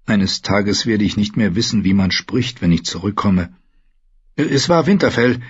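A man's voice: fairly low pitch, measured pace, slightly rough, dry recording. A man reading an audiobook, voicing a young boy who is weak, thirsty and shaken. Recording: dull lo-fi recording.

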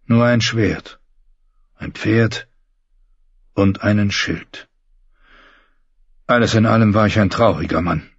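A weary, regretful holy man in his forties, once a knight, as a male audiobook reader plays him. He speaks low and slow, with a gravelly, husky rasp and a quiet, confessional calm. The sound is dull and close. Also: no room sound, heavily acted. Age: 40s. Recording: dull muffled recording.

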